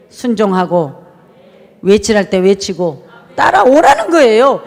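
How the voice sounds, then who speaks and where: A woman pastor preaches in a lively, sing-song voice that rides high above most speakers. She jumps from shouts down to quiet, murmured asides, constantly questioning her congregation. The long tail of a big, reverberant church hall follows every phrase. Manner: swings between shouting and near-murmur. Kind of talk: sermon. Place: church sanctuary.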